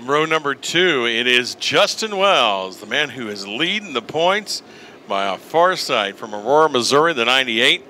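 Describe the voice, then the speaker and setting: A man's voice: medium pitch, expressive, normal speed, pushed and bright. An American man working as a motorsport commentator, announcing dirt track racing in short, clipped phrases. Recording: noisy outdoor racetrack, engine roar behind.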